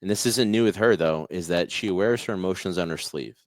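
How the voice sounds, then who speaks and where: A man co-hosting a podcast, giving earnest, quick opinions in casual chat. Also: low voice, no room sound, studio quality. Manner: earnest, quick, restarts phrases. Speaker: podcast co-host.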